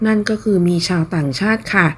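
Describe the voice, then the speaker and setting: A woman narrating online news in a scripted, polite, steady read-aloud manner with soft sentence endings. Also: medium pitch, fast, a little hiss or hum.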